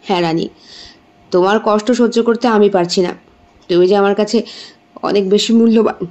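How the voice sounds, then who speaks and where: A woman's voice: mid-range voice, steady tone, normal speed, a little mellow, lightly acted. A woman voicing a caring young male doctor in an audio story, earnest and reassuring. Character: young man, caring doctor, devoted suitor. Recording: dull lo-fi recording.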